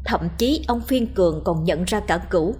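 A woman narrating a horror story in a steady, suspenseful reading. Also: on the low side, normal speed, husky.

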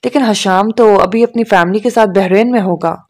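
An unbothered young man who teases his sister dryly and shrugs off serious news, read by a woman narrator. He talks at a mid pitch in an offhand storybook tone. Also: darkish tone, natural voice. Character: young man, casual and teasing brother. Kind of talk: audiobook dialogue reading.

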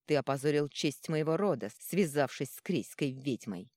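A woman voicing a cruel, domineering noble father, cold and contemptuous, who bursts into shouting rage. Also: low voice, expressive, normal speed, dry recording, studio quality.

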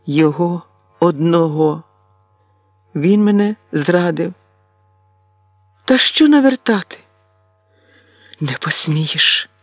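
A man's voice: high voice, sing-song, slow, pauses often, no echo, soft background music, full character voice. A man voicing a proud, defiant young village woman. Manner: tense, heated outbursts.

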